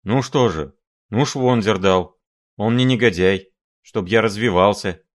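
A man reading a storybook, voicing a crude, surly young man with shrill, squealing retorts. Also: measured pace, close to an everyday voice. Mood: sulky shrill.

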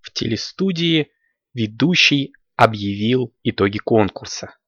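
A man's voice: medium pitch, lively intonation, unhurried, a bit bright, husky, no echo, muffled recording. A man reading scripted narration as a composed cartoon storyteller. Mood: matter-of-fact.

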